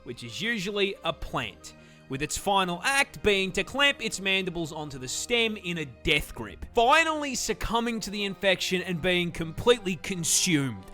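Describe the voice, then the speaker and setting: High-pitched, animated man narrating comic nature facts. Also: moderate pace, soft background music. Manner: sweary, exaggerated comic delivery. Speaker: video narrator. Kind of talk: scripted comedic nature narration.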